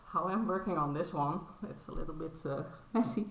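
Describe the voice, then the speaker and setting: Speaking English though Dutch is her native tongue, a Netherlands woman in her thirties shows off crafts on her casual vlog. Her deep voice carries vocal fry at a moderate pace, hesitant and full of fillers and restarts, modest and apologetic. The sound is roomy with a little hiss or hum.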